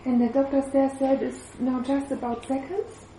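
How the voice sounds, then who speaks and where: A woman interpreting a church testimony live, halting and searching for words with many fillers. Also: high voice, flat delivery, mellow, a little hiss or hum. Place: church hall. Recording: roomy hall echo.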